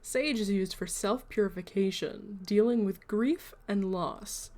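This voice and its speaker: A woman's voice: mid-range voice, measured pace, darkish tone. A woman hosting a casual livestream, explaining at length to her viewers in a chatty, rambling way, with self-deprecating asides. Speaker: livestream host.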